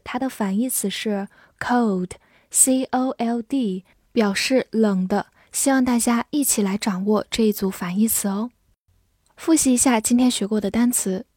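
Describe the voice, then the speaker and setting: A woman teaching English vocabulary, speaking with slow, careful enunciation and repeating words for drills. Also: fairly high pitch, a little mellow, dry recording, studio quality. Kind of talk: vocabulary lesson in Chinese.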